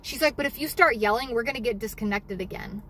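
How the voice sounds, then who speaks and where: A woman's voice: on the high side, fast talker, bright, forceful tone, slight background noise. A woman vlogging casually from her car while doing deliveries, venting angrily and swearing heavily about a bad hotel. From Southern California. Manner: angry venting, heavy swearing. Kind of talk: casual livestream chat while driving.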